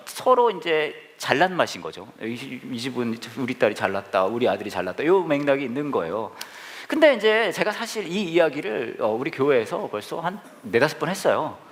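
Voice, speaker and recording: Male pastor, playful storyteller in the pulpit, fast, animated delivery. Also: medium pitch. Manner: humorous storytelling with asides to the congregation. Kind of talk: sermon.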